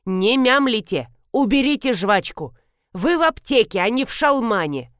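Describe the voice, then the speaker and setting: A woman voicing a grumpy, half-deaf elderly woman pharmacist who scolds loudly and demands people speak up. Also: a little high, very animated, normal speed, no echo, studio quality. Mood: scolding.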